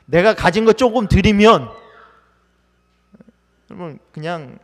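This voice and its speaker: A male pastor with a high, slightly bright voice preaches slowly and expressively, speaking conversationally and putting many questions to the congregation. It's recorded in a church sanctuary with a long hall reverb.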